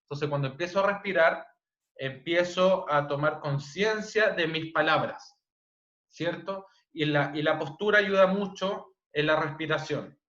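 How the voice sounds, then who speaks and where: Loud Chilean man teaching, roomy dull audio. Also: fairly high pitch, a little slow. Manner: loud, frequent "¿cierto?" tag questions. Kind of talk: online class lecture.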